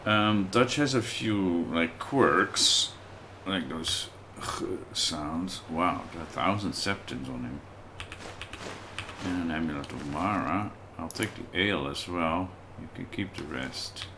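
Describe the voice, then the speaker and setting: Low-voiced and slow, a man streams himself playing a video game, casually musing aloud and talking with his audience along the way. There's noticeable noise in the background.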